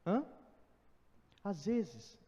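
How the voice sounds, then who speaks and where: High-voiced Brazilian pastor preaching in a reverberant hall. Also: male voice, sing-song, extremely slow, dull audio. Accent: Brazilian Portuguese. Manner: dramatic preaching that swings from loud exhortation to hushed tones. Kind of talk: expository sermon. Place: church.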